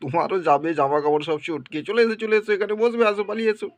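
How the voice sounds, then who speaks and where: A man's voice: high voice, animated, very fast. A man doing a whiny, grumbling doll dad. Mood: fussing. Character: sleepy, grumbling young father doll. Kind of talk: doll play voice-over.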